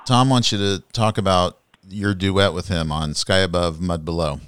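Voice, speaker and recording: A man asking interview questions in a relaxed, conversational way. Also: sits low, normal speed, clear, resonant tone.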